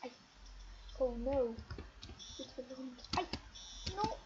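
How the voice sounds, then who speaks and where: Teen girl gamer, high and unhurried, playful self-talk, muffled lo-fi mic with hiss. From France. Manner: playful, chatty, talks to herself and the players. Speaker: gaming video creator. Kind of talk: let's play commentary. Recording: dull lo-fi mic with steady noise.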